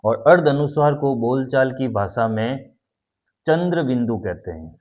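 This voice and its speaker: A man's voice: medium pitch, animated, a little slow, a little mellow. A man teaching a grammar lesson, explaining step by step and repeating key points while he demonstrates sounds.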